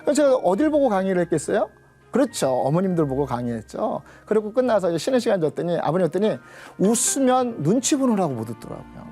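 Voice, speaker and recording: A middle-aged man giving a lively lecture, often turning to the audience and acting out what others said. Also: high voice, fast, faint music behind. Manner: animated, addresses the audience often, acts out quoted people.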